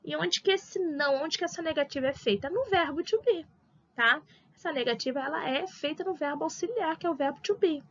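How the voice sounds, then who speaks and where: A woman teacher with a Brazilian Portuguese accent, patiently explaining grammar step by step with slow examples. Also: high-pitched, fairly bright tone, muffled recording. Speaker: English teacher. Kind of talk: recorded grammar lesson for adult school.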